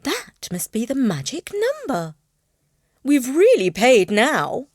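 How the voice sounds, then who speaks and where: A woman's voice: high-pitched, huge pitch swings, takes it slowly, no echo, clean studio sound, pitched above the performer's own voice, full character voice. A woman voicing a prim, thoughtful female mouse who talks in a precise, instructive way. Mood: earnest. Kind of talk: storybook character voice.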